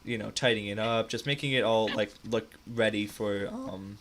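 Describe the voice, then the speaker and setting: Rambling young game master, bright tone. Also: male voice, fairly low pitch, normal speed, slight background noise. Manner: loose and rambling, many fillers and restarts. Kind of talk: narrating a tabletop game live.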